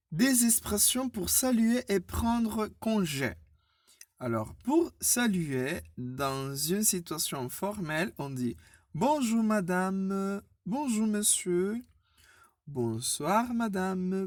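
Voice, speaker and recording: Woman, teacher, lowish voice, animated pitch, patient, spells out letters. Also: no room sound, studio quality. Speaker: French teacher. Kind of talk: slow, clear beginner language lesson.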